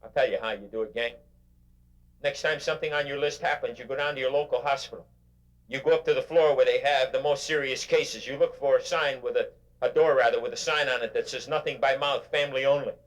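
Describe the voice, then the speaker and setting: An older man giving a motivational keynote speech to a live audience, in an animated, emphatic, preacher-like way. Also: mid-range voice, a little fast. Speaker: motivational speaker.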